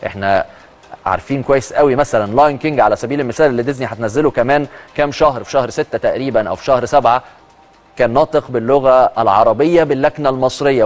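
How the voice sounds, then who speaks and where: A man with an Egyptian accent presenting a social media news segment, chatty and emphatic as he comments on the stories. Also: mid-range voice. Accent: Egyptian Arabic. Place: TV studio.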